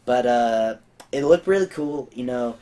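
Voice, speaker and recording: A dark-toned, medium-pitched voice belongs to a young man hosting a laid-back gaming podcast. He's unhurried, with lively intonation, and rambles through many fillers and restarts. A faint background noise sits under him.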